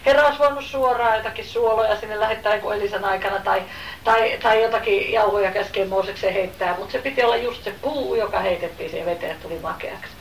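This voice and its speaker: A woman preacher giving an emphatic sermon, swinging between loud exclamations and hushed asides. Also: mid-range voice. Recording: roomy hall, voice from far off, faint noise.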